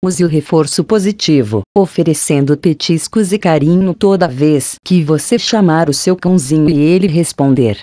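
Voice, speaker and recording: Low-voiced woman narrating evenly. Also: dry recording, clean studio sound. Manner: even read-aloud delivery, reciting name lists. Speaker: pet channel narrator. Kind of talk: scripted narration.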